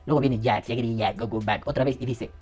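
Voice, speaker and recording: A man's voice: medium pitch, quick pace, a little mellow, faint music behind. A man with a Mexican accent hosting a podcast, with crude, joking, slang-filled banter and a voice kept down. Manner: keeping his voice down. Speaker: podcast host. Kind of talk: casual podcast chat.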